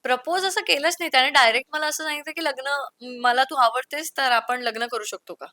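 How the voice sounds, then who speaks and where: Interview guest: young woman from the Konkan, bright, slightly high voice, lively anecdotes, dry close sound. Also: fairly quick, no room sound. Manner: storytelling, lively with quoted asides. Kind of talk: candid conversational interview.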